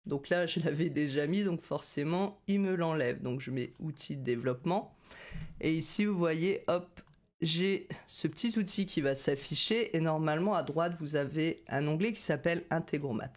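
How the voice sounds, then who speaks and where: A woman, a company director and no-code trainer, giving a chatty screen-share software tutorial with many fillers, talking straight to viewers. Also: sits low, moderate pace.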